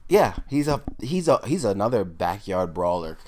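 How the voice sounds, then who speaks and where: Male podcast co-host, animated intonation, confident casual sports talk. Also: lowish voice, moderate pace, slight background noise.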